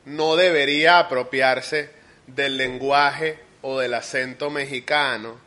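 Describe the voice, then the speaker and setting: A man from Caracas with a Caracas Venezuelan accent, co-hosting a casual podcast chat in a relaxed, agreeable way and adding quick quips. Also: mid-range voice. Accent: Caracas Venezuelan Spanish. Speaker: podcast co-host.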